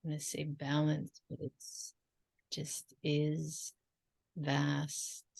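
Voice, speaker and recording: A woman channelling in a trance like a seance medium, in halting, drifting phrases with long silences and a creaky, low voice. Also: monotone, a little mellow.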